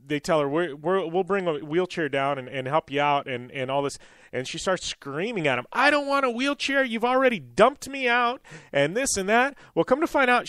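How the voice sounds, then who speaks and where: A male radio show host telling a long anecdote in a casual, animated way with plenty of fillers. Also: a little high, no room sound, clean studio sound. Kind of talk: casual storytelling monologue.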